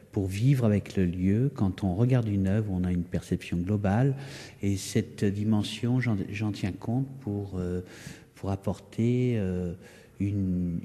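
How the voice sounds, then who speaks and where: Very dark-voiced, halting man in echoing hall. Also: lowish voice, breathy edge. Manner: halting, searching for words with repeated starts. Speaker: artist being interviewed. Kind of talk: spoken interview, explaining their work. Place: indoor hall of a townhouse. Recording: echoey, resonant building interior.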